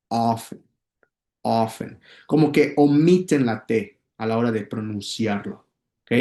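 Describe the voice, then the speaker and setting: A man teaching English in a casual video lesson, often checking in with his viewers and repeating words slowly so they can practice. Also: medium pitch, a little mellow, echoey room. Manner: addresses viewers as "muchachos", checks in with "ok?".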